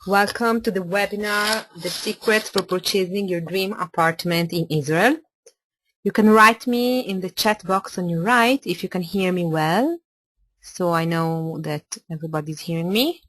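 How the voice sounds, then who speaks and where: An Italian woman, a native speaker with an Italian accent, presents a webinar as an architect, speaking careful, slightly halting English. Her voice is fairly low with a fairly bright tone. The audio quality is poor, though there's no echo.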